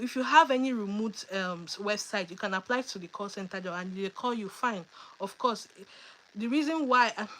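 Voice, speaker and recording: A woman's voice: medium pitch, a bit bright, poor audio. A woman hosting a casual livestream Q&A, reading out viewers' questions and answering in a chatty, emphatic way with teasing asides. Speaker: livestream host.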